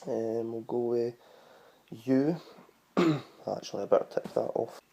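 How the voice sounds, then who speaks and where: A man's voice: medium pitch, a little slow, dark tone, slight background noise. A man with a Scottish accent explaining words in a casual home tutorial, rambling and hesitant with many ums and restarts. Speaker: vlogger teaching words.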